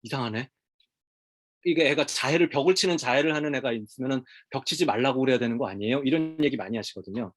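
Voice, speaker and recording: A middle-aged man who works as a hospital counselor, giving a casual spoken lecture to parents and acting out quick quoted lines from parents and kids. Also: mid-range voice.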